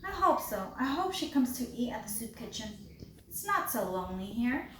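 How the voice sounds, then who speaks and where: A teacher reads a children's picture book aloud, clear and expressive as she tells the story. Her voice sits slightly high for a woman. The room gives it a noticeable echo, with a faint hiss underneath. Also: normal speed. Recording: roomy with faint background hiss.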